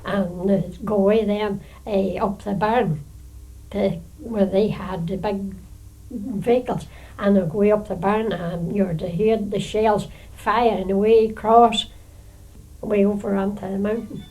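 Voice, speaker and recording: A woman's voice: mid-range voice, fairly even intonation, measured pace, mellow, low-quality recording. An older woman with a Northern Irish accent, reminiscing casually in homely, hesitant phrases. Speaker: local resident sharing memories.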